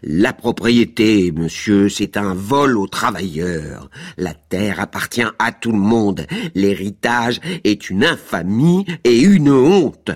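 A man voicing a middle-aged radical brother-in-law who declaims loudly and drags out his words. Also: lowish voice, expressive, slow pace, voice pushed up. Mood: ranting. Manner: loud, declaiming, drawn out.

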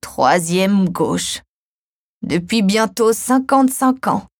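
A woman voicing a frail, grieving elderly man who speaks slowly and weakly. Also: medium pitch, expressive, no room sound, studio quality. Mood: sorrowful. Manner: slow, weak, quiet delivery.

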